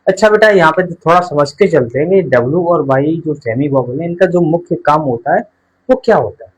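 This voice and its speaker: A man's voice: on the high side, lively intonation, brisk, breathy edge, low-quality recording. A male teacher giving a live online grammar class, asking questions and answering them himself while addressing his pupils fondly.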